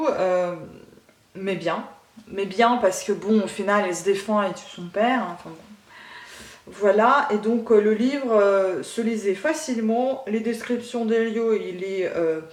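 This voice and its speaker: A woman's voice: mid-range voice, darkish tone, recorded from a distance. Chatty woman, roomy sound. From Ukraine. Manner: chatty, rambling, hesitant. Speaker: book vlogger. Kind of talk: casual book review vlog. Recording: roomy room, voice set back from mic.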